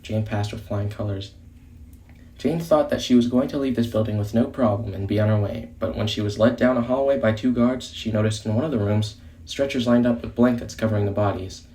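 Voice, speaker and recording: A man reading a story dramatically, narrating in a deliberate, theatrical way. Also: on the low side, warm tone, breathy edge, poor audio.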